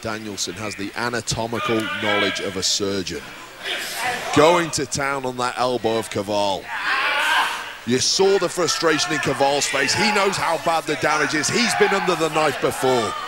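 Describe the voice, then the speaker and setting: A man's voice: medium pitch, lively intonation, normal speed, heavy background noise. A man giving analytical wrestling commentary in an intense, explanatory and emphatic manner.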